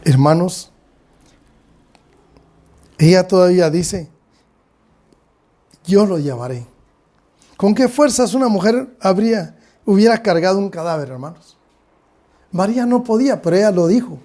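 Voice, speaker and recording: A Guatemalan man preaches a sermon in a fairly high voice. His tone is mellow and soft-edged. He keeps turning to address his congregation as brothers and sisters. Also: expressive, a little slow, long pauses. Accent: Guatemalan Spanish. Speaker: pastor.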